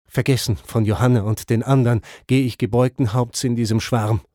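Brief: a mournful warrior's soul, read by a man, mellow, dry, even pitch. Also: normal speed, no echo, lightly acted. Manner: mournful, grave. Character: bowed soul of a fallen warrior.

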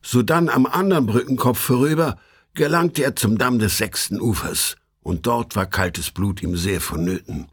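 A man reading an epic poem aloud in measured, solemn audiobook narration. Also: medium pitch, slightly rough. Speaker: audiobook reader.

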